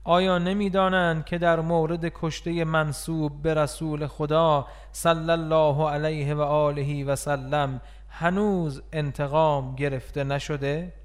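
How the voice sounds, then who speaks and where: Guy reading a religious text out loud, smooth clear voice, kinda high, mournful and earnest. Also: steady tone. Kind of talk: solemn scripted reading.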